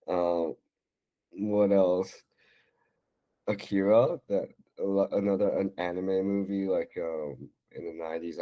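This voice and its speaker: A young man from Taiwan with a very low-pitched voice chats casually as a podcast guest; he's a designer and 3D artist. He's soft-spoken and hesitant, full of pauses and fillers, and the recording is muffled.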